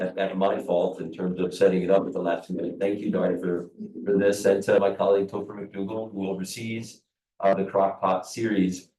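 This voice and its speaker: A man's voice: lowish voice, mellow. A man with the sniffles, speaking through a face mask as he hosts and gives a hesitant, semi-formal introduction speech at a seminar. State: sniffly with a cold. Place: seminar room with a seated audience. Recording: echoey room, distant microphone.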